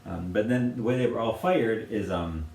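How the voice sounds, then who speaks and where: Low-voiced, gravelly American man, casual and halting; recorded at a distance in a roomy space. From United States. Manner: hesitant, lots of fillers and restarts, soft laughs. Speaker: potter presenting objects. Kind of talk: casual conversation. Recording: roomy, distant from the mic, faint noise.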